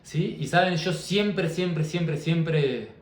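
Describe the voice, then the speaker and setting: A man's voice: fairly high pitch, slow, reverberant. A young man, a coach talking earnestly and repetitively to camera in a personal vlog. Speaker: mindset and fitness coach.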